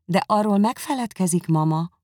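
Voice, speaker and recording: A woman's voice: medium pitch, lively intonation, dark tone, no room sound, clean studio sound, pitched above the performer's own voice, natural voice. A woman reading aloud and voicing a sensible, polite young daughter. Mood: reasoning.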